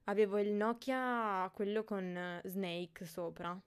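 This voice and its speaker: Female co-host, twenties. Crisp, resonant voice, slangy and teasing chat delivery. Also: mid-range voice, slow. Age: 20s. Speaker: podcast co-host. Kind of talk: casual group chat.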